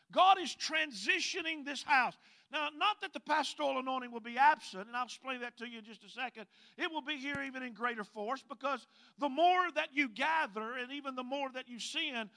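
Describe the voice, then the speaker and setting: A man's extremely high, creaky voice carries a bright, forceful tone as he preaches in a Southern US Mississippi accent. He draws out scripture readings emphatically and calls on the congregation to respond.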